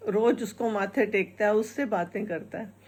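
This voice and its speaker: A woman's voice: medium pitch, normal speed, a little mellow, slightly rough, natural voice. A woman voicing an upset young wife who complains indignantly, inside a spoken folk tale. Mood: complaining.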